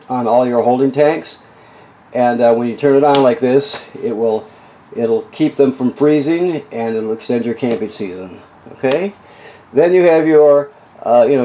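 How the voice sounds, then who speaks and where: A man with a dark, medium-pitched voice gives a casual, instructional walkthrough of a travel trailer, moving in and around it. As the RV technician, he explains each feature plainly and keeps checking that the listener is following along.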